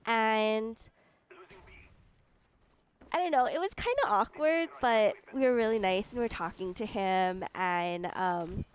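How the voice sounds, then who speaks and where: A woman's voice: mid-range voice, unhurried. A young woman telling a casual, chatty story over gameplay, giggling and filling her talk with likes and ums. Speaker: gaming video creator.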